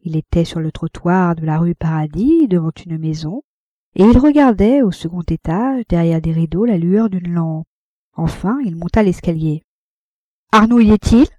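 Mellow, low-voiced woman narrator. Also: no echo. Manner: measured, even storytelling. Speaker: audiobook narrator. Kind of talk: classic novel reading.

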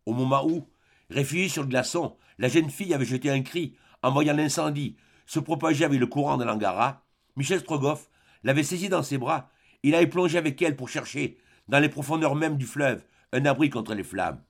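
Gravelly male audiobook narrator. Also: medium pitch. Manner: measured, dramatic.

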